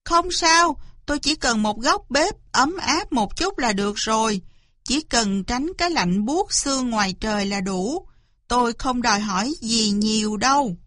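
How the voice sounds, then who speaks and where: A woman's voice: lively intonation, a little slow, fairly bright tone, no room sound, clean studio sound. A woman voicing a sly, boastful male fox who whines and wails, in a storybook reading. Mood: wheedling. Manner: wheedling, wailing, shrill.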